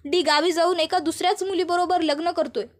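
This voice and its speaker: A woman's voice: very high-pitched, fairly even intonation, fairly quick. A woman voicing a beaten-up young man who pleads and keeps repeating a pet name. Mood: pleading. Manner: pleading, repeats her nickname.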